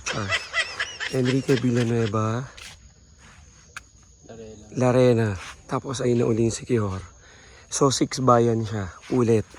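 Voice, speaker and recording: A man's voice: medium pitch, a little mellow. A man narrating a casual travel vlog outdoors on a rural island, talking straight to his viewers and pointing things out as he goes. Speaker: travel vlogger. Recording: outdoor noise with crickets and passing vehicles.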